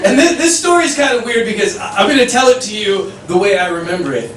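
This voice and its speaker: On a comedy club stage, an American stand-up comedian with a fairly high voice tells an animated, self-mocking story at a quick pace. The mic sits far from him, and the echoey room carries audience noise.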